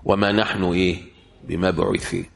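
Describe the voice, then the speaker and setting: Egyptian guy preaching, lowish voice, keeps asking the crowd questions and slows down for the verses. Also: little pitch movement, gravelly, slight background noise. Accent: Egyptian Arabic. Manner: rhetorical questions, shifts into slow Quran recitation. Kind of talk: Egyptian Arabic religious lecture.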